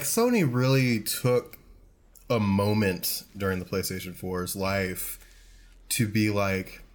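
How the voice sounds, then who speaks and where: A man with a fairly low voice co-hosting a casual podcast on a studio microphone. He teases his partner with dry, deadpan jokes and otherwise talks at length in a relaxed way. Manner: dry, teasing humor. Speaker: podcast co-host.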